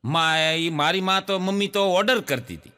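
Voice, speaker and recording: A man's voice: sits high, normal speed, smooth. A man telling jokes on stage, playing out the characters' quoted lines as he goes. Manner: lively storytelling, acting out characters' quoted lines. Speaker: stand-up comedian. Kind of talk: Gujarati joke telling to an audience. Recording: long hall reverb, stage show.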